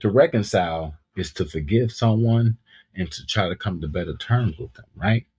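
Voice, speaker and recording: Deep husky man in his thirties. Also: moderate pace. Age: 30s. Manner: animated, repeats words while gathering thoughts. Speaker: podcast co-host. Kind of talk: casual podcast chat.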